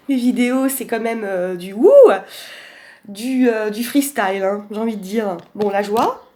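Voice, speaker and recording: A woman's voice: on the high side, measured pace, darkish tone. A woman casually presenting a card deck in a vlog, chatty, with many fillers and frequent laughs. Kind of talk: casual chat.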